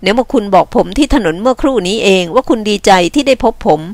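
A woman's voice: fairly high pitch, quick pace, a little mellow, no room sound, pitched above the performer's own voice, lightly acted. A woman reading a novel aloud, voicing a brusque young man who talks in a curt, scolding way. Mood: earnest. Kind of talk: novel reading with voiced dialogue.

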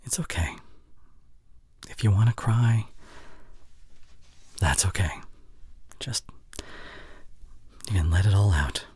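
A young man's fairly low, animated, slightly mellow voice plays a caring, anxious but reassuring boyfriend for ASMR audio. He speaks tenderly and haltingly, breathy and often whispering, in an exaggerated delivery with no room sound.

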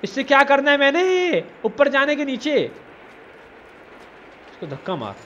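A man's voice: very high-pitched, measured pace, lo-fi sound, slight background noise. Guy doing lets-play commentary, voice swings all over, keeps ribbing his character. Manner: teasing, excitable, scolds the game character. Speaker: gamer. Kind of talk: casual let's-play commentary.

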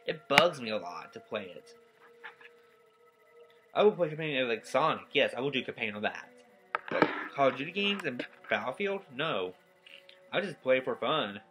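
A nineteen-year-old man giving a casual, rambling vlog update, tired and yawning, talking in halting stops and restarts. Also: mid-range voice, big pitch swings, music in the background, low-quality recording. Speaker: gaming YouTuber. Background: faint game soundtrack.

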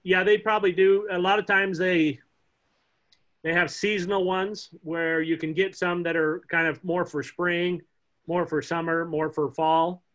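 A middle-aged man teaching a casual online fly fishing class from home, chatty and relaxed, joking with the kids as he shows flies on a webcam. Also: high-pitched, measured pace. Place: home room, indoors. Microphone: laptop webcam on a video call. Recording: dull lo-fi video call audio.

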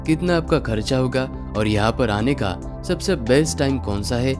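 A man giving a steady, informative voice-over as a travel vlogger, narrating a guided tour. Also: mid-range voice, moderate pace. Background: clear guitar music.

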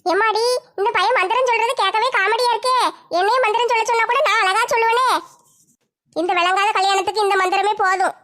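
A woman acting in a village comedy sketch with a shrill, scolding manner. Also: steady tone, fast talker, bright, forceful tone. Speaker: comic sketch performer.

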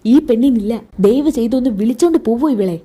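A young husband, fed up and curt, speaking with disdain. The voice is dark and husky. A woman reads his lines. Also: on the high side, expressive, brisk. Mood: disdainful.

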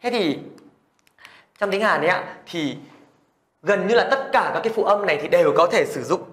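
A man's voice: high-pitched, lively intonation, moderate pace, fairly bright tone, roomy sound. A man teaching a language lesson, patiently repeating questions to check that students follow. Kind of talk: classroom lesson explanation.

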